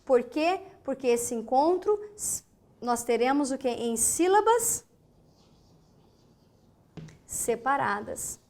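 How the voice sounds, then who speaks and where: A woman's voice: sits high, lively intonation, slow pace, pauses often, darkish tone. A woman teacher with a Brazilian Portuguese accent giving a grammar lesson, emphatic, repeating key words and checking in with the class.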